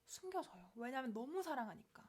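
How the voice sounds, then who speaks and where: A woman's voice: high voice, big pitch swings, a little fast, slightly rough. Woman telling a bible story to kids. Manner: gentle storytelling to kids, asking questions; acts out quoted voices in the story. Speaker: children's ministry preacher. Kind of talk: children's sermon.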